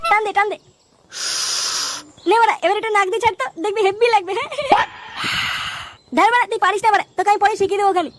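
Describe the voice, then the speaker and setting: A woman's voice: very high-pitched, racing, long pauses, noisy background. A woman voicing a foul-mouthed idle village boy, who swears constantly and coaxes his friend in a cocky way. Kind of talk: cartoon comedy voice acting.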